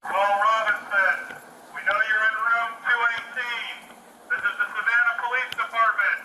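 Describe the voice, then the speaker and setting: A man's voice: high voice, flat delivery, moderate pace, pushed and bright, reverberant, slight background noise. A man, a police officer, giving firm, repeated commands through a megaphone, captured from a distance on body-cam audio.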